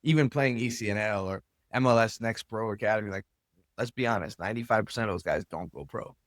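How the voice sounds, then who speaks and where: A fast-talking American with a lowish voice, this soccer club owner and coach tells casual stories as a podcast guest, candid, colloquial, and sometimes swearing. The recording is studio quality with no echo.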